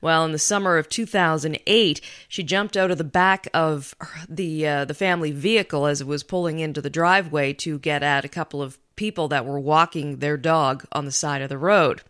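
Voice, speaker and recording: Radio co-host, woman, low voice, chatty news delivery. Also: steady tone, fairly quick, a bit bright. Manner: chatty, reads news items aloud. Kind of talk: casual morning radio chat.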